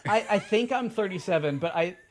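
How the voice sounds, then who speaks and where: This man in his thirties, a podcast guest, has a voice that sits high, with lively intonation and a fairly quick pace. In casual, rambling chat, he leans on fillers and keeps restarting.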